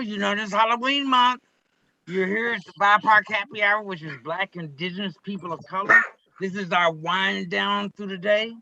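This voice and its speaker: A man's voice: sits high, pushed and bright, dry recording, lo-fi sound. A man hosting a casual group chat, playful and theatrical as he teases his friends. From United States. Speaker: host.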